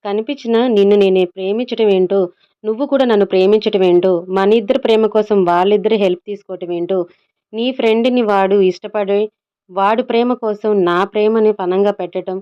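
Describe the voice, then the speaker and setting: Woman doing a sulky lovesick young man, mid-pitched, tearful and over the top. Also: steady tone, fairly quick, lo-fi sound, natural voice. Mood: despairing. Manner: whining, tearful. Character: lovesick young man, melodramatic and self-pitying.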